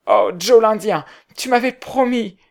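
A man's voice: a little slow, vocal fry. A man voicing a frightened drunk man who pleads his innocence through sobs. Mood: desperate. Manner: sobbing, high-pitched pleading.

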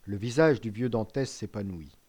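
A man reading a classic novel as an audiobook narrator, in a measured, even manner. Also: lowish voice.

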